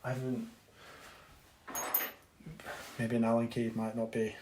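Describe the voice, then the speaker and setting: A man's voice: mid-range voice, completely flat delivery, quick pace, dark tone. A man, a fitness coach, giving a casual live-stream breathing lesson and answering viewers. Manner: chatty, reads out viewer comments, swears casually. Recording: echoey room.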